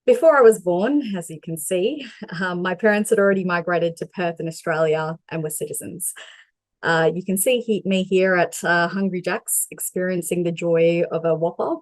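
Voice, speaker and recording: This young Sri Lankan woman, a mental health advocate connected via video call, reads her prepared talk in a steady manner. Her voice is lowish and her speed normal, with no room sound in the recording.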